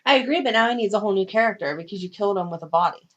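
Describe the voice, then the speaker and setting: A woman co-hosting a fan podcast in casual chat. She is opinionated and briskly acts out characters' lines in quick asides. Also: mid-range voice, lo-fi sound. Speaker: podcast co-host.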